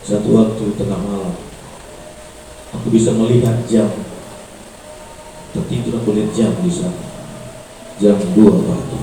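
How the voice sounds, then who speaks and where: A middle-aged man preaching a sermon to a school assembly, telling a story with animated swings from hushed to loud. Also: on the low side, a little hiss or hum. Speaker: pastor. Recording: echoey room, distant mic, faint ambience.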